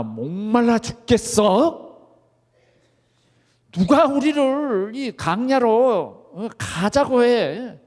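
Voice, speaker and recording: A pastor putting on grumbling, whiny thirsty wanderers. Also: male voice, very high-pitched, voice pushed up, exaggerated voice. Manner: whiny, complaining, slow and loud. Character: grumbling thirsty crowd of Israelites, complaining. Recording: echoey church hall.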